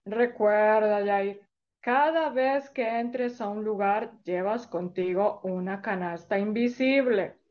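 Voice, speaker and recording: Woman putting on a gentle old grandma. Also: medium pitch, slow pace, natural voice. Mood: tender. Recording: dull lo-fi recording.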